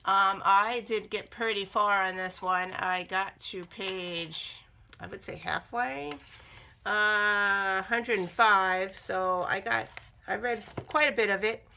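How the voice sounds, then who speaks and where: A middle-aged book vlogger chats casually to camera, showing off her reading and journals. Her medium-pitched voice is slightly raspy from a cold, her tone bright and forward, and she speaks slowly, rambling with frequent ums and restarts.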